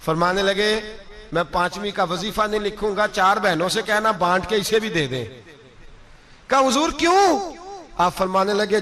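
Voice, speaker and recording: A man's voice: high voice, bright, forceful tone. A man with a Pakistani Urdu accent preaching a sermon, telling a moral story with impassioned rising peaks.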